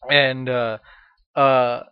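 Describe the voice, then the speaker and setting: A man telling a funny story in casual chat, ranting with profanity and animated energy. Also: medium pitch, extremely slow, smooth, dry recording. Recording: dull, dry lo-fi sound.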